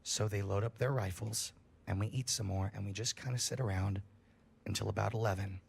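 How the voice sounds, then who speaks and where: Guy reading a creepy story out loud on stream, raspy husky voice, swears a lot, gets higher when it gets scary. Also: fairly even intonation, fairly quick. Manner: casual and profane, rises in pitch at tense moments. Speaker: livestream host reading a story. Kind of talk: reading a horror story aloud.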